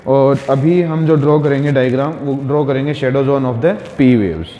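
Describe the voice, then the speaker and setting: Guy teaching class, slow, asks stuff then answers it himself, keeps saying thik hai, long room echo. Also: mid-range voice, dark tone. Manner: mixes Hindi and English, asks and answers his own questions; frequent fillers, "thik hai" checks. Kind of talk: classroom geography lesson with diagrams. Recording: roomy classroom reverb with faint noise.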